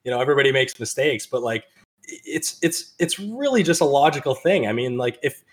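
A man talking quickly and loosely on a podcast about trading. He rambles and hops into higher voices when he imitates other people. His voice sits at an ordinary middle pitch. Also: big pitch swings. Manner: fast, rambling, acts out quoted people in a higher voice. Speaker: podcast co-host. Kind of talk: casual trading podcast chat.

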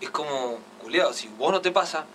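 A young man with an Argentine accent, chatting excitedly and casually, full of slang and fillers. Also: a little high. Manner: fast, excited, heavy slang, constant fillers. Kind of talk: casual chat. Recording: distant mic with faint noise.

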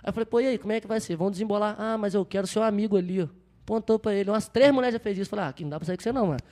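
A young man talks in quick bursts, his voice sitting fairly high. He tells his stories boastfully and with energy, slipping into the voices of the people in them. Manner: boastful, animated storyteller. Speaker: podcast co-host telling stories. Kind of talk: casual storytelling among friends.

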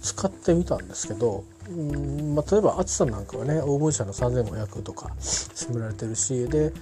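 A man's voice: mid-range voice, lively intonation, brisk, music in the background. A man talking casually on his own, rambling with many fillers and self-corrections. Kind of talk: casual solo talk.

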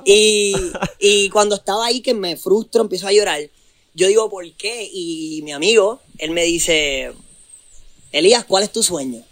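A man's voice: sits high, normal speed, fairly bright tone. A young man with a Puerto Rican accent, telling his story as a guest on a podcast in an earnest, motivational way, slipping English words into his talk. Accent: Puerto Rican Spanish. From Puerto Rico. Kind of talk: emotional storytelling in a podcast interview.

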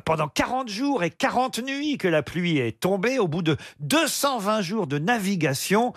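Man host, higher voice, dry sound, radio quiz panel, chatty storytelling. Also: very animated, a little slow, a bit bright, dry recording. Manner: storytelling quiz questions with fillers.

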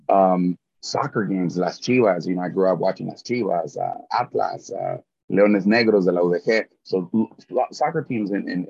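This low, creaky voice is a little mellow and slightly rough, belonging to a middle-aged man from Mexico with a Mexican Spanish accent. As a guest in a casual interview, he talks with enthusiasm and tends to repeat words when beginning a thought. The audio is dull and lo-fi.

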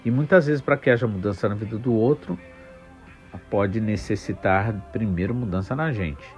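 Lowish-voiced man preaching. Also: a little mellow, dull audio, soft background music. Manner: unhurried, frequent "né" fillers and pauses. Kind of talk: prayer and sermon.

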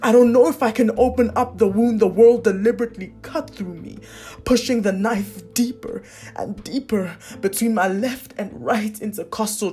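A woman performing a spoken word poem in an intense, dramatic way, slowing to hushed line endings. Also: medium pitch.

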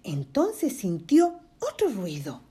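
Una mujer que lee un cuento infantil en voz alta, con pausas para dar consejos a los padres y susurros para crear suspenso. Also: female voice, mid-range voice, slight background noise. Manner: expressive, switching to whispers for suspense. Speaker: storyteller for children. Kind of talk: reading a children's story aloud with tips for parents.

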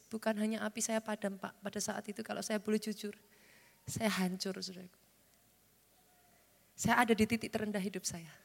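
A woman pastor, moving from fervent prayer to soft, confiding preaching. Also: a little high, vocal fry. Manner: fervent prayer with chanted tongues, then soft confiding talk. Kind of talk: sermon. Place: large church hall. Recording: reverberant church hall with music. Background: keyboard music.

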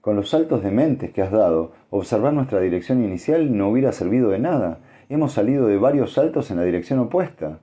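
A man voicing a sharp-tongued young woman space traveler in a storybook reading, raising his deep voice a little for her quick, skeptical retorts. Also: lively intonation, close to an everyday voice. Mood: exasperated.

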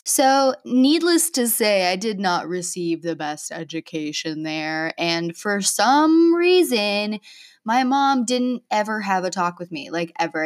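A woman in her twenties from Oklahoma hosting a casual solo podcast, talking candidly with lots of swearing and filler words. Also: mid-range voice. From Oklahoma, USA. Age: 20s. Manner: candid, profane, filler-heavy rambling. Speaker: podcast host.

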